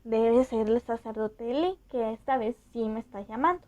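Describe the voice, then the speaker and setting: A woman's voice: on the high side, moderate pace, narrow, tinny audio, natural voice. A woman voicing an obedient young boy who asks politely and earnestly.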